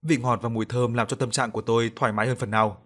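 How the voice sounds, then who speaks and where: A man reading a first-person horror story aloud in a steady, measured way. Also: medium pitch. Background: soft background music.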